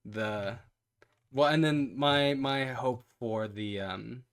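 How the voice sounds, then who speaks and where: A man's voice: mid-range voice, takes it slowly, clean tone. A man running a tabletop game as game master, hesitant and laughing often.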